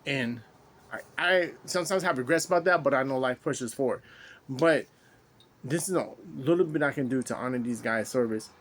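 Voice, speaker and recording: A man's voice: medium pitch, moderate pace, a bit bright. A man hosting a veterans' podcast, talking casually and from the heart in a rambling way, often restarting phrases and swearing. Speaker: podcast host, military veteran. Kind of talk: casual heartfelt monologue to listeners.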